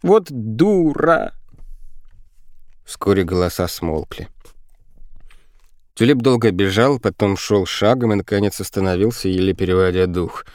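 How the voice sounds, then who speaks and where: A man with a low voice narrates a storybook in a vivid, expressive reading. The sound is dry and close, with no room around it. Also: normal speed, no echo. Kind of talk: audiobook narration.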